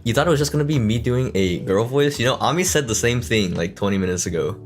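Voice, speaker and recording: A man hosting a casual chat stream, easygoing and quick to laugh, often restarting his words. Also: medium pitch, animated, faint music behind. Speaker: streamer host. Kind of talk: casual chat reading fan questions. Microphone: desk mic.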